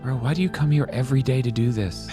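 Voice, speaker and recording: A man's voice: medium pitch, quick pace, over music. A man giving casual, joking and profane commentary as he streams a game.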